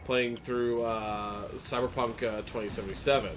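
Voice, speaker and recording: A man's voice: mid-range voice, steady tone, moderate pace. A man in casual, jokey gameplay chat, recorded with noticeable game noise behind him. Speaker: video game streamer. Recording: clearly noisy background.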